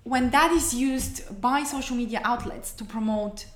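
A woman's voice: on the high side, a little slow. A woman, answering interview questions earnestly and passionately, often restarting her phrases. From Bulgaria. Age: 30s. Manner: passionate, many restarts and "you know". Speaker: interview guest, activist. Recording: echoey room, faint noise.

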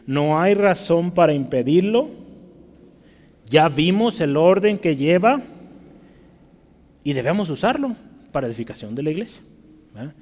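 A man teaching a casual Bible class as a pastor, chatty and checking in with his listeners, stretching out key words slowly to stress them. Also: on the high side, big pitch swings, a little mellow. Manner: chatty, keeps checking in with the room. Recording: long reverb in a hall.

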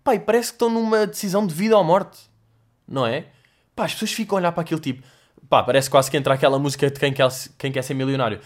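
A man's voice: a little high, rapid-fire. Young Portuguese man, rambling comic vlog. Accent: European Portuguese. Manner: swears a lot, animated storytelling with mock voices and sound effects. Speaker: host answering viewer questions. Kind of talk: casual comedic monologue.

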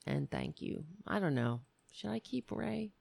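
An American woman with a raspy voice hosting a casual livestream, talking in a blunt, emphatic way and repeating phrases. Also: mid-range voice, big pitch swings, a little slow, darkish tone, no echo. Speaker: livestream show host. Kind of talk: casual livestream monologue with political commentary.

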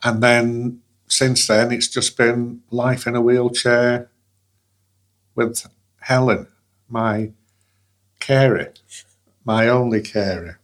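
A man, speaking in a measured way with restarts in an interview. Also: medium pitch, steady tone. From England. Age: 60s. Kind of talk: conversational interview.

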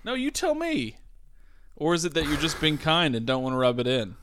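A man's voice: a little high, huge pitch swings, fairly quick, a bit bright, a little hiss or hum. A man co-hosting a podcast in casual chat, dry and self-deprecating, with a groggy morning voice. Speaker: podcast co-host.

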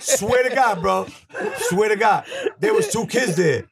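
A man's voice: high voice, expressive, measured pace, gravelly. A man telling a street story in casual podcast chat, acting out both sides and laughing as he goes. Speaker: podcast host.

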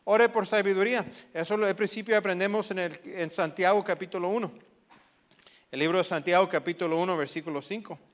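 High-voiced man preaching emphatically. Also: fairly quick. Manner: emphatic preaching with rhetorical questions; slips into English phrases. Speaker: pastor. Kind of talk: sermon.

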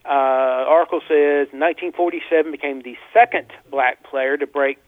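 A man's voice: a little high, steady tone, dry recording. A man calling in over a landline phone. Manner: rambling, halting with fillers. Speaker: caller. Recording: tinny landline phone line.

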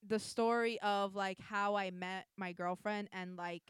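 Young woman, very smooth clear tone, dry close sound; loose rambling chat with casual swearing. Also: medium pitch, steady tone, unhurried, dry recording.

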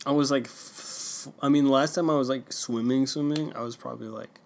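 A man's voice: medium pitch, fairly even intonation, moderate pace, creaky, a little mellow. Guy rambling in a chat, loses his words, laughs at himself. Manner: rambling, hesitant, self-deprecating. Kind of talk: casual chat.

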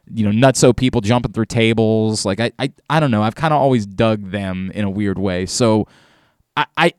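A man's voice: mid-range voice, smooth, dry recording, studio quality. A man hosting sports radio in a casual, rambling way, repeating words as he thinks aloud. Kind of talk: casual, conversational sports talk. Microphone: close studio microphone.

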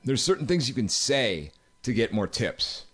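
A man's voice: medium pitch, very animated, normal speed, fairly bright tone, breathy edge. A man chatting casually and comically on a podcast, telling profane anecdotes. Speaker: podcast panelist.

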